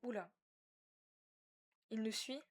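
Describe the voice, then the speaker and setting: A woman giving casual commentary on a horror game, reacting excitedly and chatting with her viewers. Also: on the high side, takes it slowly, husky. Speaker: let's play gamer.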